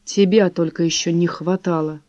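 A woman's voice: lowish voice, fairly even intonation, normal speed, dark tone, no echo, muffled recording, natural voice. A woman voicing a nervous, evasive husband who snaps defensively. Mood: tense. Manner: tense, defensive, snapping. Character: nervous, evasive husband, middle-aged man. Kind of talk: audiobook character voice.

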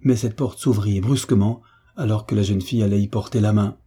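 Male audiobook reader, low voice, dark and mellow, measured dramatic delivery. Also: steady tone, husky. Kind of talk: scripted narration.

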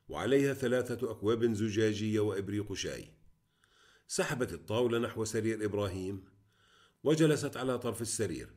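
A man narrating a novel as an audiobook, reading in a steady, measured way. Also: on the low side. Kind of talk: scripted narration.

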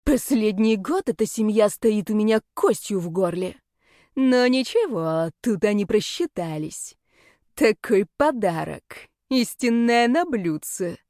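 A woman voicing an arrogant, domineering aging male rector of a magic academy in an audiobook, speaking slowly and haughtily. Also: mid-range voice, expressive, mellow, no echo, studio quality, close to an everyday voice. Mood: haughty, menacing. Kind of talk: audiobook character voice.

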